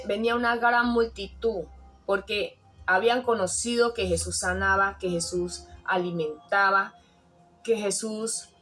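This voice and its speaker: A woman's voice: mid-range voice, fairly bright tone. A woman preaching a sermon in an earnest, repetitive way, restarting phrases and rising when she quotes a cry.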